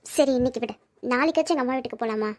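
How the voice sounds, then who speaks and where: A woman voicing a bold, quick-tempered young housemaid in a cartoon, scolding and pleading by turns. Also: sits high, darkish tone, close to an everyday voice. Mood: chatty. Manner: scolding, pleading, then panicky. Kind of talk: cartoon voice acting.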